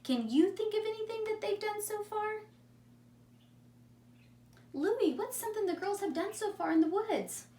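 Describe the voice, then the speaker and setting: This woman teacher's voice is extremely high and expressive yet dark in tone, moving at a moderate pace with long pauses. She reads a story to young children in simple words and asks them questions, captured by a distant mic in an echoey room with faint noise.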